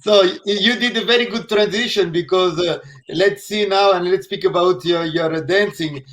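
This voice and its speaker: A man's voice: high-pitched, normal speed, a bit bright. A man hosting a live video-call interview, asking questions hesitantly and repeating his words as he goes. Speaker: host.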